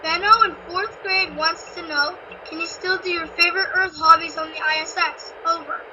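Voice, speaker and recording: Girl or woman reading questions on ham radio, real high voice, muffled with static. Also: steady tone, normal speed. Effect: amateur radio transmission. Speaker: relayer of pupils' questions. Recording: dull, lo-fi radio audio with faint static.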